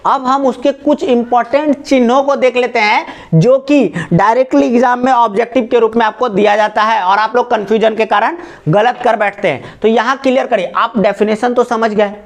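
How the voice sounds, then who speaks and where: A man's voice: very high-pitched, fairly even intonation, moderate pace. A man teaching a grammar lesson to a class. He repeats his examples and keeps asking whether the students understand.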